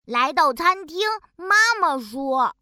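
A woman's voice: sits high, animated, slow, sharp tone, no echo, clean studio sound, exaggerated voice. A woman doing Dengdeng, a bouncy little bear cub. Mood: playful. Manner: playful, sing-song, with sound effects. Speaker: storybook narrator in character. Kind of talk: children's storybook narration.

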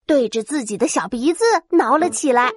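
A woman narrating a children's story in an animated, sing-song way. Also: sits high, moderate pace, slightly rough, dry recording, faint music behind.

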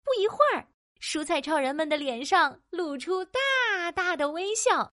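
A woman narrating a children's audio story in a playful, animated way with sound-effect words. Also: very high voice, a little slow, no room sound, studio quality.

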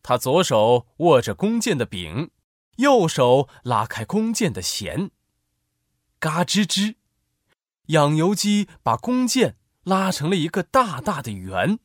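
A man narrating a children's story in an expressive, animated way. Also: a little high, measured pace, dry recording, clean studio sound.

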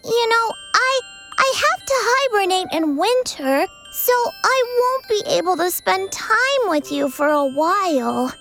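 A woman voicing a kind, gentle young female squirrel in a children's cartoon. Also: extremely high pitch, sing-song, measured pace, full character voice. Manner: soothing, gentle. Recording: soft music underneath.

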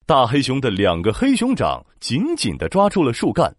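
A man narrating a children's story in an animated, expressive storytelling manner. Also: mid-range voice, moderate pace, no echo, studio quality.

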